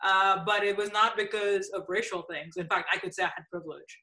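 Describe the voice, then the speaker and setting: Host, casual chat, hesitant, bright sharp voice. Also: medium pitch, steady tone, a little fast, rough recording. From India. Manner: hesitant, many restarts and fillers, laughs easily. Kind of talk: casual conversation.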